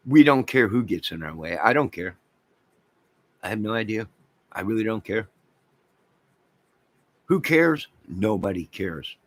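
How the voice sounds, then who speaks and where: An American man hosting an online channel delivers a rambling, off-the-cuff rant in a fairly low voice. He sounds exasperated, repetitive and emphatic.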